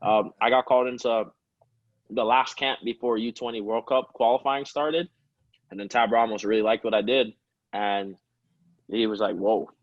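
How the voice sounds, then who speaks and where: At a moderate pace, a pro soccer player in his twenties ambles through a casual interview as a guest, laughing often. His fairly low voice has no echo, but the audio is dull.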